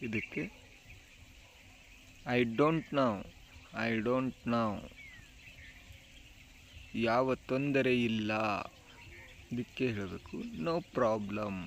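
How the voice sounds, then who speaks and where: A man gives a very slow, careful English lesson, saying each short phrase twice so learners can follow. His voice sits at an ordinary middle pitch. Faint noise stays in the background. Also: muffled recording. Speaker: English teacher. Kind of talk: slow, repeated vocabulary drill.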